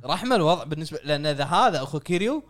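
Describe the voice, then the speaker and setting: A man cuts in with quick jokes. His voice is high and lively, and he talks fast. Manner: joking, quick interjections. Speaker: podcast participant. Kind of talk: casual chat.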